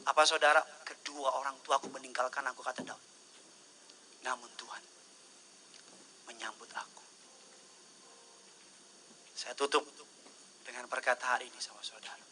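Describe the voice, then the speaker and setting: A middle-aged man from Indonesia preaching a sermon as pastor, swinging from loud, high-pitched calls to hushed, near-whispered words and slipping English phrases in. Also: little pitch movement, fairly quick, a little hiss or hum, poor audio.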